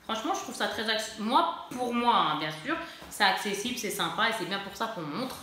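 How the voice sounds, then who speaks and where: A woman's voice: medium pitch, animated, moderate pace, pushed and bright, slight background noise. A woman vlogging a casual shopping haul, chatty and self-mocking, often searching for her words. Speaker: beauty vlogger. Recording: very echoey room.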